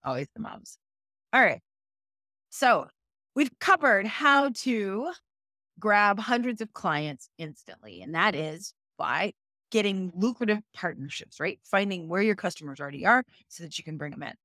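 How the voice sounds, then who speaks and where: A middle-aged woman teaching a live online business class in a chatty way, often checking in with her viewers and reacting to their comments out loud. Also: fairly low pitch, sing-song, moderate pace, dry recording, clean studio sound. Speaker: business coach.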